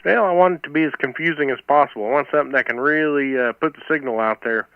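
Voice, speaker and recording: Slightly high-pitched and quick, this American net host chats casually and calls for check-ins over amateur two-meter radio. The band-limited two-way audio sounds phone-quality, with background noise.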